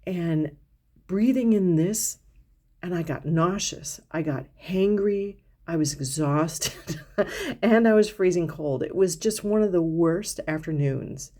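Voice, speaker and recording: A woman's voice: lowish voice, slow, dark tone. A woman talking casually to camera, reviewing perfumes in a chatty, descriptive way with frequent fillers and restarts. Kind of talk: casual product review vlog.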